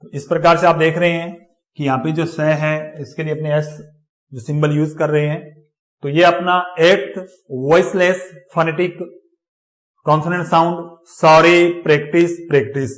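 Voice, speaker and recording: A man's voice: a little high, steady tone, normal speed. A man giving a step-by-step lecture, repeating each example word as he explains. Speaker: teacher. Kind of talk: classroom lecture on phonetics.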